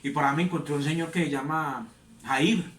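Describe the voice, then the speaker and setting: A man's voice: fairly high pitch, fairly even intonation, fairly quick. A man, a pastor, telling his testimony in an earnest, rambling way. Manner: earnest, rambling storytelling with repetitions. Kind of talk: preaching testimony. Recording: echoey room, distant mic.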